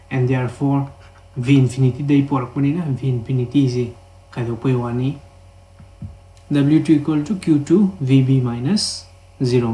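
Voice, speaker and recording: A man's voice: medium pitch, mellow. A man with a Manipuri accent teaching physics, reading out definitions, then explaining them step by step and repeating key phrases. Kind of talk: classroom lesson mixing read-out definitions with explanation. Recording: roomy, echoing voice recording.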